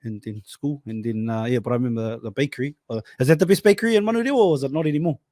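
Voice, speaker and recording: A young man with a New Zealand accent hosting a podcast, relaxed and slangy in casual chat. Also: mid-range voice, very fast, no room sound, clean studio sound. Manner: relaxed slangy, laughs easily. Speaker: podcast host.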